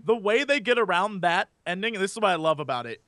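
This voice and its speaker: High-voiced, bright man chatting emphatically. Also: expressive, fast talker, dry recording, clean studio sound. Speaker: podcast co-host. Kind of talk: casual chat.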